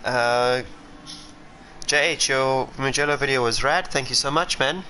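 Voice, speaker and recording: Over the hum of the game engine and racing car sounds, this South African man speaks at a measured pace in a mid-range, sharp-toned voice. He's a racing driver giving live commentary on a sim racing stream, and the recording quality is low.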